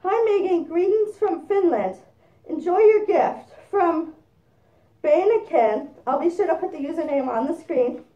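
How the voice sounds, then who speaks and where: A woman's voice: very high-pitched, lively intonation, measured pace, warm tone, echoey room, far from the mic, muffled recording. A woman chatting casually as she unboxes gifts while speaking through a costume head. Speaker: vlogger.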